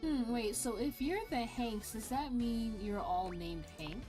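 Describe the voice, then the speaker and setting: A woman's voice: on the high side, a little slow. A woman giving casual gameplay commentary, thinking aloud to herself as she plays. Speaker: game streamer. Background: game music.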